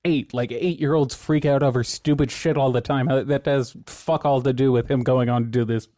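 A man's voice: mid-range voice, steady tone, normal speed, warm tone, no echo, clean studio sound. A man co-hosting a casual podcast, presenting research notes in a laid-back, profane way and laughing often.

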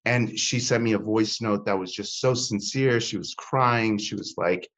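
In a low-quality recording, a man with a lowish, slightly bright voice speaks at a measured pace as a podcast guest. He's a comedy content creator in casual chat, rambling, cutting himself off to restart, and using lots of fillers.

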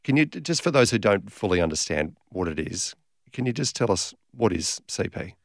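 Brief: Australian man, lowish voice, relaxed conversational interviewer, close dry studio-like sound. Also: normal speed, vocal fry, no room sound.

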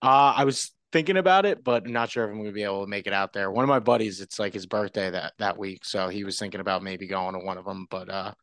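A man, a guest sportswriter, chatting casually on a podcast in a relaxed, rambling way with frequent restarts. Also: fairly low pitch, fast talker, few pauses, dry recording.

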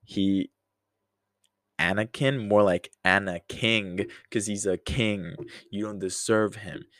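A man's voice: on the low side, steady tone, slow pace, a bit bright, dry recording, studio quality. A young man in his early twenties hosting a casual solo podcast, rambling and chatty, with frequent sighs and laughs. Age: early 20s. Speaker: podcast host.

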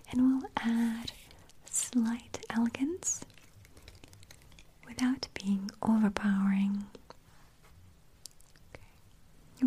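A woman whispers in a soft, unvoiced hush, very close to the microphone. She talks slowly and gently, like a shopkeeper in an ASMR roleplay, her voice sitting a little high. A faint hiss lies under it. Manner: soft unvoiced whisper, unhurried sales talk.

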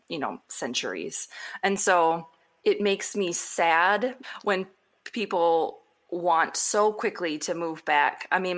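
A woman pastor talking casually as a podcast guest, animated and quick to laugh. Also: on the low side.

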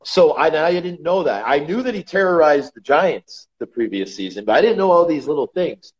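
A man's voice: fairly high pitch, normal speed. A man guest on a podcast, casually telling stories about his ice hockey career and calling the host brother. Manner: animated, calls the host brother. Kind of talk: casual interview storytelling. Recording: slightly dull lo-fi sound.

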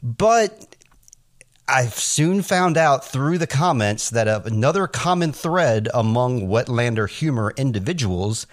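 A man's voice: medium pitch, lively intonation, unhurried. A man co-hosting a podcast, talking in a chatty, rambling way with lots of fillers. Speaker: podcast co-host. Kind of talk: casual podcast chat.

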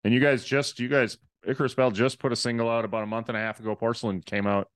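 A man's voice: mid-range voice, level tone, quick pace, clean tone, dry recording. A man in his forties hosting an interview, asking friendly, enthusiastic questions in casual chat. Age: 40s. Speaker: podcast host.

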